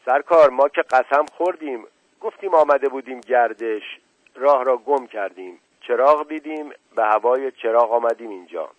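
A man's voice: mid-range voice, no echo, lightly acted. Guy reading as a cool cheeky kid answering back, tinny audio. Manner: calm, cheeky. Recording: tinny, dry, phone-like sound.

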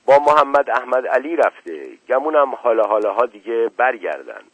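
A blunt, older village headman , put on by a man reading a radio story, pitched a little higher and louder than the narration. The voice has a husky edge. The recording is dull and lo-fi, with dry, close sound. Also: big pitch swings, no room sound.

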